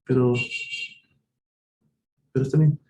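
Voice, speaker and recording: Slow and patient, a male math tutor reasons aloud through problems in a live online session and corrects himself when needed. His medium-pitched, warm voice has fairly even intonation, though the recording is muffled. The space echoes, with faint noise underneath.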